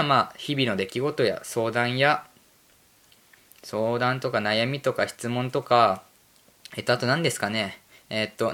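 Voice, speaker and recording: A man's voice: mid-range voice, a bit bright. A young man hosting a solo podcast, rambling casually and mocking himself. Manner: rambling, self-mocking, drifts between topics. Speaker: podcast host.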